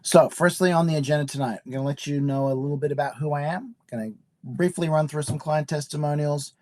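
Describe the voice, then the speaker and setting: A middle-aged Australian man hosts a live home-buying webinar, upbeat and chatty with frequent fillers. A cold has left him a little hoarse, and his voice is on the high side and a little mellow, with a steady tone and a quick pace.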